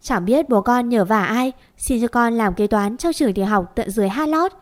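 A woman voicing a quick-tempered young woman who snaps at her younger sister. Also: a little high, lightly acted. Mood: snappish. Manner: snappish, scolding.

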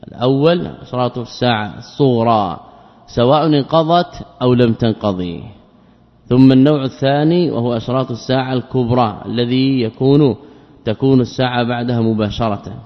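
A man gives a religious lesson, explaining a classical text at a deliberate pace and restating his points with rhetorical questions. His voice carries a long reverb, like a big hall, and the recording sounds dull and lo-fi. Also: mid-range voice. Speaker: Islamic scholar teaching a text.

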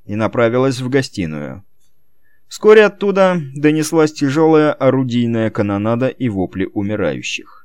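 A man narrating an audiobook in an expressive, storytelling way. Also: medium pitch, normal speed, smooth, no room sound, studio quality. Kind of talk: scripted narration.

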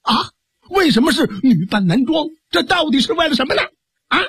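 A male storyteller voicing a bold, clever middle-aged hero who speaks briskly. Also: very high-pitched, big pitch swings, fairly bright tone, no echo, studio quality, voice pushed up, heavily acted. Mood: probing.

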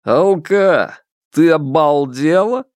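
A man's voice: fairly high pitch, big pitch swings, slow pace, dry recording, studio quality, voice pushed up. A man voicing a lazy, mocking young man in an audiobook, drawling and sneering without hurry. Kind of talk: audiobook character voice.

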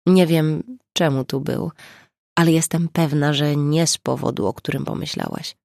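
A reader doing a calm, reassuring grown woman. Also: mid-range voice, moderate pace, no echo, studio quality, natural voice. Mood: earnest. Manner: calm, clear and firm.

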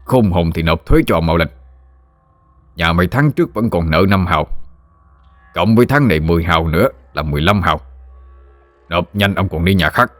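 A man voicing a brutal middle-aged village chief who speaks hoarsely and barks threats in a told story. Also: low voice, animated, brisk, pauses often, no room sound. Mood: bullying. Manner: bullying, barking threats.

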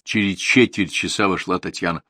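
A man narrating an audiobook of modern prose in a measured, expressive way. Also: low-pitched, no echo, studio quality.

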